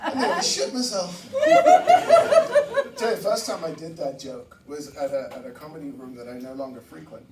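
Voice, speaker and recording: A man from Barbados doing a stand-up set, animated and swearing, with sudden loud outbursts. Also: medium pitch, normal speed. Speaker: stand-up comedian. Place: comedy room with laughing audience. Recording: roomy echo, mic heard from a distance, noisy.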